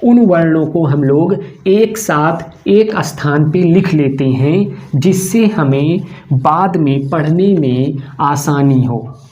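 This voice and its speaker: A man with a Hindi accent teaching a grammar lesson, dictating slowly, one word at a time, with long pauses. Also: a little high, mellow, muffled recording. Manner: slow, drawn-out dictation with long pauses between words.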